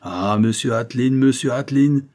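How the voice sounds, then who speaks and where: A man's voice: lowish voice, moderate pace, mellow, breathy edge. A man reading an audiobook voices a good-humored, effusive older father who is devoted to his mother. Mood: excited.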